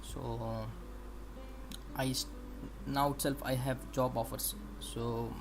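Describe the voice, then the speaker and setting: Flat-voiced young man with an Indian accent. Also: medium pitch. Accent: Indian English. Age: young adult. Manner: halting, explains while working, many pauses. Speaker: animation student streaming practice. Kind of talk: casual think-aloud livestream. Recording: steady background noise.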